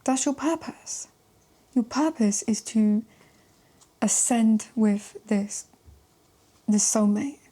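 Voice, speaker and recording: A woman gives a relaxed tarot love reading to camera. Her voice sits a little high with a mellow, warm tone. She talks slowly and emphatically, swears casually and now and then drops into a soft whisper. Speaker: tarot reader.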